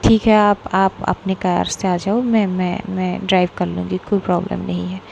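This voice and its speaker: A woman with a Bengali accent voicing a caring young woman who comforts and gently teases her partner. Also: little pitch movement, normal speed, creaky, highs cut off, a little hiss or hum. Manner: soothing then teasing, a bit higher and brighter.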